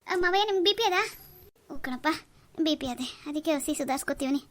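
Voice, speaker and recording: A weary, ailing old father in a cartoon, voiced by a woman. He speaks softly and slowly, tired and shaken. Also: high-pitched, close to an everyday voice. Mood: weary, soothing. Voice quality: soft, tired. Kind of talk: Kannada cartoon voice acting.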